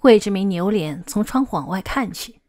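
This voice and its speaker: A woman narrating a documentary-literature audiobook in a steady, measured storytelling voice. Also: medium pitch.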